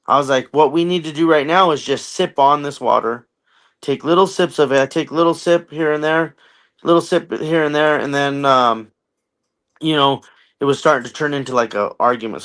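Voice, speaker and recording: A man's voice: on the high side, fairly bright tone. An American man in his thirties tells his story as a podcast guest. He talks casually and keeps things light with jokes. His speech is loose and rambling, full of "you know" and "like". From United States. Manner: conversational, jokey, filler-heavy storytelling. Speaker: podcast guest, army veteran.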